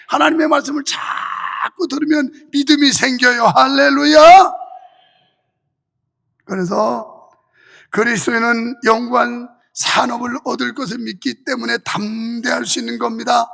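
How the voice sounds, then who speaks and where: A male pastor preaching a fervent sermon with a strained voice and rhythmic, shouted refrains, in a church sanctuary. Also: very high-pitched, creaky, breathy edge. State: voice strained from heavy use. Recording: reverberant church hall.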